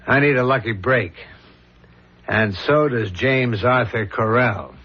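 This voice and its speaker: This 1970s radio drama features a male actor as a probing homicide inspector, earnest, dogged, serious and deliberate, heard through a dull old recording. His medium pitch carries a lightly acted delivery, and the mood is thoughtful and determined.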